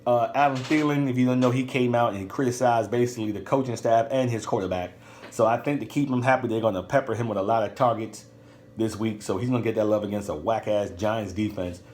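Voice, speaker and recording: A man's voice: lowish voice, steady tone, fast talker, darkish tone, slight background noise. A man hosting a podcast, giving casual fantasy football predictions in loose slang and thinking aloud with ums and uhs. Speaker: podcast host.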